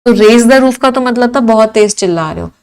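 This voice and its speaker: A woman's voice: fairly high pitch, moderate pace, darkish tone, clean tone. Lady teacher going over english words for exams, asks then answers herself, repeats meanings a lot. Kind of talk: exam-prep vocabulary lesson in Hindi-English mix.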